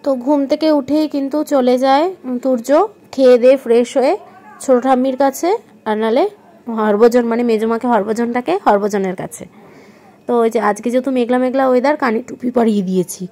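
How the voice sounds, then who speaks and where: High-voiced chatty woman from West Bengal. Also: steady tone, brisk, mellow. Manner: chatty, talks straight to viewers, coaxes her child. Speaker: family vlogger. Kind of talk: casual home vlog narration. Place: home, indoors.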